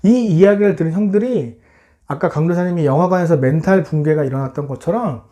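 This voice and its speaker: A preacher from South Korea telling a Bible story to children, animated, asking the kids questions and acting out the voices. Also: male voice, on the high side, fast talker.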